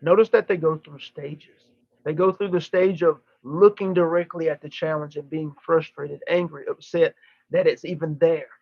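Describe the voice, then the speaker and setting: A man speaking as a channeling medium, giving spiritual teaching in emphatic, formal phrases broken by deliberate pauses and repetition. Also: fairly high pitch, steady tone, dry recording, muffled recording. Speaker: channeler giving a live session.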